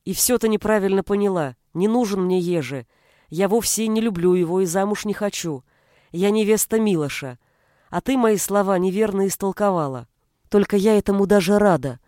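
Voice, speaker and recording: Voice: medium pitch, normal speed, a little mellow, dry recording, clean studio sound, lightly acted. A reader voicing a proud, indignant young woman. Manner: indignant, cold. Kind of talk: audiobook character reading.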